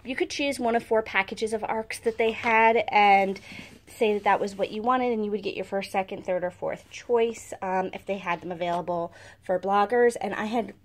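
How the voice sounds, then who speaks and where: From a carpeted room in her home, a woman who runs a book vlog chats informally while unboxing. She speaks at a mid-range pitch and a moderate pace.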